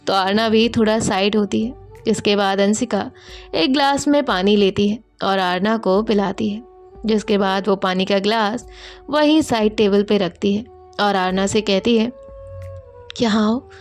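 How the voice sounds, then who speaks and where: A woman narrating a romantic story in a calm, even storytelling voice. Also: mid-range voice, normal speed, faint music behind.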